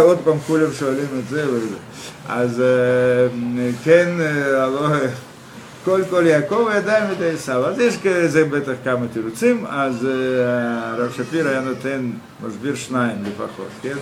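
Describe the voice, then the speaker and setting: A man teaching a Torah class, pausing often with fillers and rhetorical questions. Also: mid-range voice. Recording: echoey room with faint background noise.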